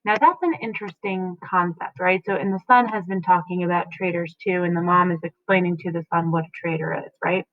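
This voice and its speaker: A woman's voice: lowish voice, steady tone, a little fast, few pauses, no echo. A woman teacher explaining a play, checking in with her students as she goes. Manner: explains and checks in with "right?" and "okay?". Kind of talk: literature lesson. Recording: tinny phone-like dry sound.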